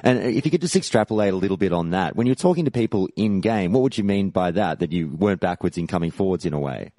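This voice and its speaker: A man's voice: deep voice, quick pace, no echo, studio quality. A man hosting a podcast, introducing callers in an upbeat presenter manner. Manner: lively, upbeat presenter delivery. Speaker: podcast host.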